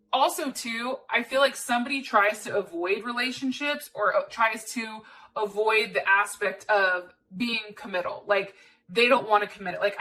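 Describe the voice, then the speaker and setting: Speaking from a distance to the mic amid background noise and clicks, a female channel host delivers a frank, laid-back tarot reading. She chats loosely, swears a little, and repeats phrases for emphasis, her voice on the high side, bright and forceful.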